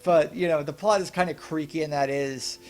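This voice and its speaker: A young man co-hosting a casual film podcast, rambling with restarts and animated asides. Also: a little high, a little fast, soft background music. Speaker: podcast co-host. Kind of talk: casual film review chat.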